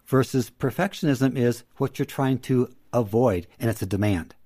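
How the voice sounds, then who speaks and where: A man who works as a counselor explains his ideas in an interview, measured and teacherly, repeating his key phrases. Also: medium pitch, dark tone, dry recording, studio quality. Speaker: counselor guest.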